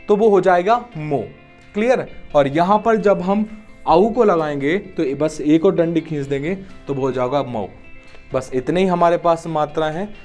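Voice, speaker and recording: A young man teaching a grammar lesson for exam students, explaining step by step and often asking if it is clear. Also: on the high side, a little mellow. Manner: explanatory, checks understanding with rhetorical questions. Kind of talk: exam-prep Hindi lecture.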